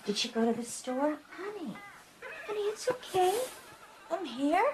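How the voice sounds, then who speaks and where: A worried woman presses anxiously for answers about her missing sister-in-law, as an actress plays her. Her voice sits a little high, with clear background noise in the film sound. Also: lively intonation, normal speed, lightly acted. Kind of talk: film drama.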